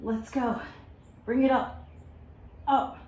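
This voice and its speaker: A woman's voice: a little high, fairly even intonation, slow pace, a little mellow. A woman in her thirties coaching a workout with short commands and counts, giving a motivational halftime-style pep talk while exerting herself. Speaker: fitness instructor leading a workout. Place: home garage gym, indoors. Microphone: camera a few metres away. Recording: echoey room from a distance, faint noise.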